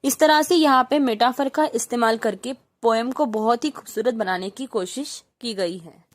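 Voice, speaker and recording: A woman's voice: fairly high pitch, normal speed. A woman teacher from Mumbai with a Mumbai accent, explaining a poem step by step and mixing English terms into her Hindi.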